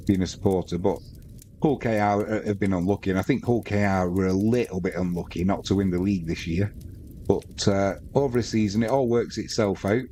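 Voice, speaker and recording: A man with a Manx accent hosts a live sports stream, chatting casually and reading viewer comments between bits of match commentary. His voice is on the low side and mellow, with slight background noise.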